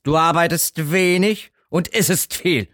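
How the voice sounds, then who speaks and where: A man's voice: fairly high pitch, measured pace, a bit bright, no echo, studio quality, voice pushed up. Cold, greedy fairy-tale stepmother, scolding, done by a male reader.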